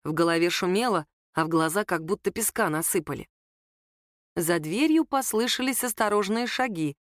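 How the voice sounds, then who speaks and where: A woman narrating a story aloud in a steady, intimate manner. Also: fairly low pitch, normal speed, no echo, studio quality. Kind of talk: audiobook story reading.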